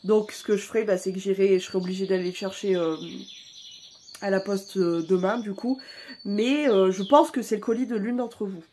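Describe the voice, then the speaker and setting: A woman's voice: medium pitch, steady tone, moderate pace, warm tone, slight background noise. A woman vlogger chatting casually at home, informal and chatty, with the odd casual swear word. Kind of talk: casual vlog chat.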